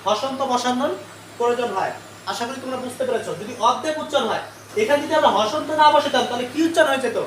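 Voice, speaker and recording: Racing along in an extremely high-pitched voice, a man teaches grammar in a live online session, asking the class the same questions over and over and then answering them. He's recorded from a distance, away from the mic, in an echoey room with faint noise.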